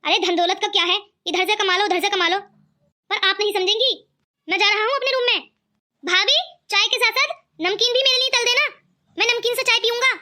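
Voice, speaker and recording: A woman's voice: very high voice, fairly even intonation, brisk, pushed and bright. A woman voicing a kind young man in a cartoon who pleads and teases lightly. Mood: pleading. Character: kind cheerful young man defending his sister-in-law.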